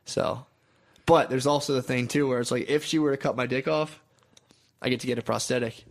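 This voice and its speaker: A young man trading crude, excitable banter with a friend, laughing often as he talks. His voice sits in an ordinary middle pitch for a man. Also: a little fast, creaky. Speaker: podcast co-host. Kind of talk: casual chat.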